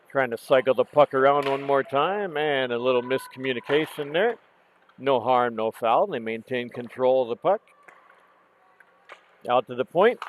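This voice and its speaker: A man calling a junior women's hockey game play by play, hoarse from losing his voice, calm and unhurried, correcting himself now and then. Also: mid-range voice, a little hiss or hum, poor audio. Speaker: play-by-play commentator. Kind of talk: live hockey commentary. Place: outdoor rink in cold weather.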